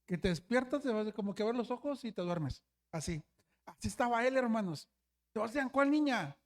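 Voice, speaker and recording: A man's voice: high-pitched, expressive, a little fast. Pastor guy preaching, tells stories, keeps restarting, talks to the congregation a lot. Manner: storytelling, often says hermanos, frequent restarts. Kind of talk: sermon with a storytelling opening.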